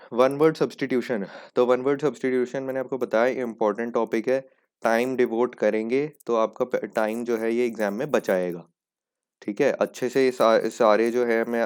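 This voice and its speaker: A man teaching an exam prep lesson in casual Hindi-English, explaining patiently and reading English examples slowly. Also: mid-range voice, a little mellow, smooth. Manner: explains patiently, repeats "ठीक है" often.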